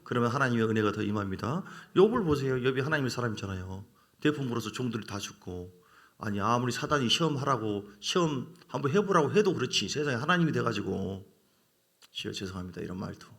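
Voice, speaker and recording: A man preaching a midweek sermon with a gravelly edge to his voice. His pitch swings widely as he questions the congregation and mimics the voices he quotes. He delivers it with animated pulpit energy. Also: fast talker. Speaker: pastor. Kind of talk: Wednesday evening sermon.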